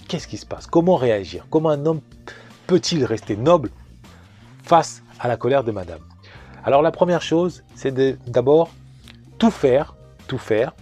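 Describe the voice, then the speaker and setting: A man with a mellow, dark voice coaching on relationships, speaking in a measured, didactic way and addressing the men listening. Faint music plays underneath his advice monologue. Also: mid-range voice.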